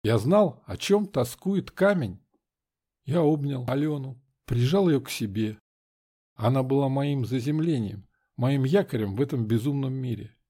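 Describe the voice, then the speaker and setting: A man reading a first-person audiobook in a measured, dramatic way. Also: mid-range voice, expressive, warm tone, breathy edge. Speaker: audiobook narrator.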